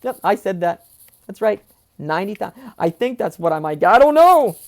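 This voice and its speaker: An angry young man rants into the camera, swearing freely and veering off on tangents. His voice has a gravelly rasp and swings widely in pitch as he vents. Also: expressive, brisk. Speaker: vlogger. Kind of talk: ranting personal vlog.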